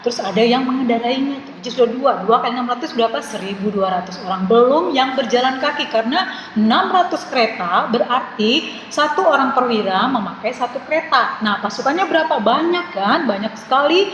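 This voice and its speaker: A woman tells children a Bible story with lively, animated energy. Her voice sits a little high. The sound bounces around a large, echoey hall with a faint hum of room noise behind it. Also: brisk. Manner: lively storytelling to children, calls herself big sister. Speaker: Sunday school teacher. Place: church hall.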